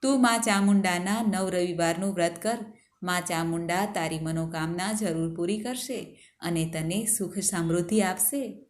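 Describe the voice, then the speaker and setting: A woman voicing a hungry old village woman who begs for food and then gives a blessing, calling out slowly. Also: lowish voice, lightly acted.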